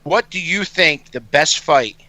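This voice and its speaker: A male host with a bright, forceful voice pitched a bit high, recorded close and dry. He chats casually and with enthusiasm, like a fan running an interview. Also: lively intonation, unhurried, dry recording. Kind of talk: casual enthusiastic sports chat.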